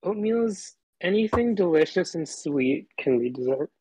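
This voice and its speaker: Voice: medium pitch, animated, normal speed, a little mellow, breathy edge, no echo, low-quality recording. Disguised voice through a voice changer. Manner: chatty, rambling, filler-heavy. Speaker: caller. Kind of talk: casual phone chat.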